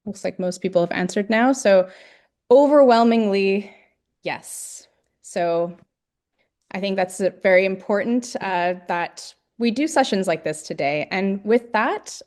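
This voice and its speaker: A woman moderating an online webinar, giving measured, scripted introductions with the occasional filler. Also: medium pitch, darkish tone. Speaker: webinar host.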